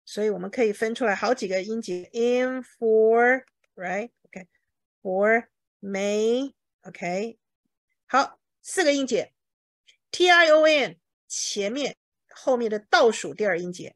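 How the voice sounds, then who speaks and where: A woman teaching an English lesson, patiently explaining with homely comparisons and slowly repeating words to drill their pronunciation. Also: mid-range voice, creaky, husky, dry recording, studio quality. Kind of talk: language lesson.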